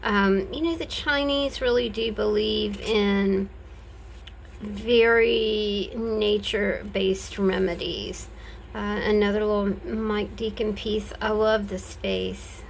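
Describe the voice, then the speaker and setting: A woman chatting casually in a craft vlog, talking carefully and haltingly with a stitched mouth after oral surgery. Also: mid-range voice, creaky, poor audio. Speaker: crafter presenting handmade journals. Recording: steady background noise, home recording.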